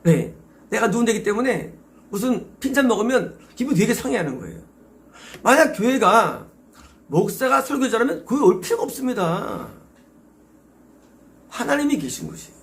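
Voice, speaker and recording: A man's voice: very high voice, sing-song, moderate pace, pauses often. A middle-aged man with a Korean accent preaching a sermon as pastor, emphatic and exhorting, with many rhetorical questions.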